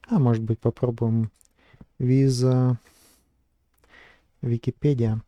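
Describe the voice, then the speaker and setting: A man's voice: mid-range voice, little pitch movement, takes it slowly, warm tone, dry recording, lo-fi sound. A man narrating his screen as a vlogger, thinking aloud in a hesitant way with many fillers. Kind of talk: casual screen-recording narration.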